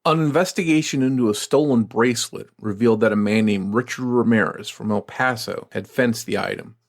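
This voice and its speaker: A man co-hosting a true crime podcast, reading case details and then musing in a halting, measured way. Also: mid-range voice. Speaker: podcast co-host.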